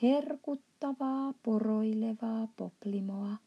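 A woman voicing a huge, kindly old male giant who mangles his grammar and bursts into indignant shouts. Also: on the high side, creaky, husky, dull audio. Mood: earnest. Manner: mangled grammar and made-up words, shouts in outbursts.

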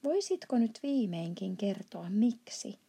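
A woman's voice: medium pitch, big pitch swings, vocal fry, mellow, breathy edge, full character voice. A woman voicing a polite, curious little girl who keeps asking questions.

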